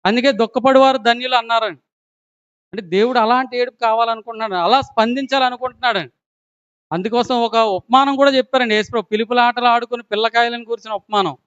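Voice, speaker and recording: A man's voice: very high-pitched, steady tone, fast, fairly bright tone, smooth, no echo, dull audio. A man with a Telugu accent preaching a sermon, who keeps asking the congregation questions and adds a polite "andi" to his lines.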